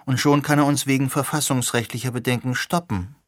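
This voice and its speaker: A man voicing an excited young woman who asks eager, probing questions. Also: mid-range voice, a little fast, no room sound, studio quality, natural voice. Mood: questioning.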